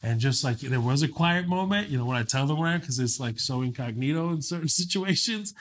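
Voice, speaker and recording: A man's voice: mid-range voice, animated, a little fast. Comedian dude rambling through stories, swears a lot, says bro and man constantly. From American. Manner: loose, profane storytelling with fillers like bro and man. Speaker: stand-up comedian guest. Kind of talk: casual podcast chat.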